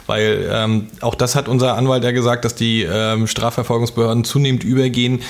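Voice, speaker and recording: A man with a mid-range voice weighs a topic on a podcast, pausing and restarting as he goes. He sounds careful and considered rather than polished. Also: mid-range voice, level tone. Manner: hesitant, many "ähm" fillers and restarts. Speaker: podcast co-host. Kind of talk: casual podcast discussion.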